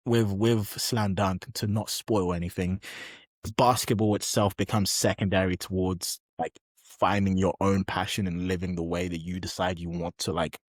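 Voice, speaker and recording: A man's voice: sits low, level tone, normal speed, no room sound, studio quality. A young adult man chatting as a podcast guest, enthusiastic and emphatic, with frequent restarts. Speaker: podcast guest, pro bodybuilder. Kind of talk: casual podcast chat.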